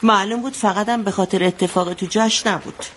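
A woman's voice: mid-range voice, steady tone, slight background noise, lightly acted. An actress playing an anxious mother who recounts a bloody wedding in a radio drama, telling it vividly. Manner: vivid storytelling, shouting out the quotes she retells.

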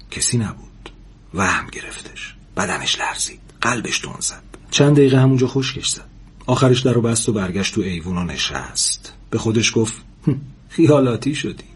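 A man calmly reading a story aloud in a measured, soft-spoken way. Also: lowish voice, breathy edge. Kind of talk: scripted story narration.

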